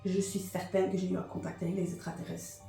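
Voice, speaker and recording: A woman's voice: lowish voice, little pitch movement, brisk, gravelly, mellow, roomy sound, faint music behind. A woman from Liège with a Belgian French accent, chatting hesitantly in a vlog, with lots of fillers and repetitions. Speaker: vlogger. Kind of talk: casual confessional chat.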